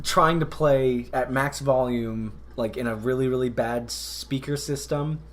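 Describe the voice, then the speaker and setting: A man's voice: mid-range voice, a little slow. A man co-hosting a casual comedy podcast, rambling and laughing often, sometimes dropping to a mumble. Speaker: podcast co-host.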